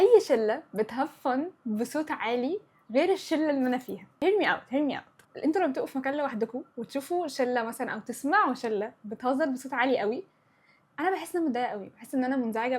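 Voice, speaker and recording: A young Egyptian woman hosts her own chat show with an Egyptian Arabic accent, rattling through her opinions very quickly. Her voice sits high and has a slightly husky edge, and she drops English words in as she talks. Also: lively intonation. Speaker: podcast host. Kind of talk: casual chat.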